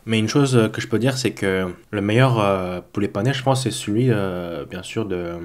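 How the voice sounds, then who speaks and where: A fairly low-pitched man talks at a normal pace, sounding congested from a cold. Hosting his mukbang food review vlog from home, he chats to camera in a relaxed, slightly hesitant way.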